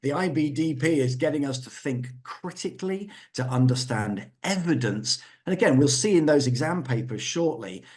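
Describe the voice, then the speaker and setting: A man giving an explanatory educational talk as an experienced instructor, measured and emphatic in how he makes his points. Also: on the high side, animated, a little mellow. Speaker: physics instructor and school director.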